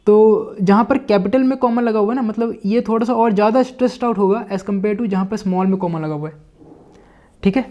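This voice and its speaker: Indian male tutor, mellow, slightly muffled recording; reads English slowly, explains in Hindi. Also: high-pitched. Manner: reads English lines slowly, then explains in Hindi with many "ठीक है" fillers. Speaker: English vocabulary teacher. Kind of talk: Hindi-English lesson explaining a book line by line.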